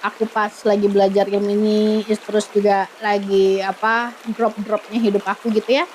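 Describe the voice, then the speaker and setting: A woman's voice: mid-range voice, flat delivery, moderate pace, a little mellow, slight background noise. A young woman with a Sundanese accent coaching in a casual, playful, giggly way, often breaking into pious exclamations. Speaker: manifestation coach. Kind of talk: casual teaching talk.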